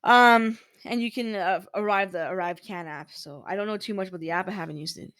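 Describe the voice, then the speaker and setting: A woman's voice: mid-range voice, fairly quick, a bit bright, dry recording. A woman, casually explaining rules step by step in a chatty vlog. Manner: chatty, walks through steps point by point. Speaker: vlogger.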